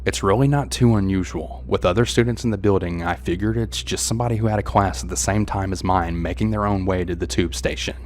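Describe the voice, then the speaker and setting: Deep-voiced male horror story narrator. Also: fairly even intonation, fast, hardly any pauses, a little mellow, slight background noise. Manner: tense first-person storytelling.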